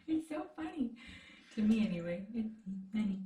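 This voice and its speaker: A woman's voice: a little high, very animated, normal speed, dark tone. A woman co-hosting a casual food vlog, chatty and teasing with an easy laugh. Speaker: vlog co-host. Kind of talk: casual chat. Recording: echoey room, distant mic.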